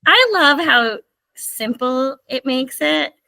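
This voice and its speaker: A woman's voice: sits high, lively intonation, takes it slowly, vocal fry, pushed and bright, no room sound, low-quality recording. A woman who teaches special education, talking as an enthusiastic guest in a conversational interview. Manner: earnest, enthusiastic.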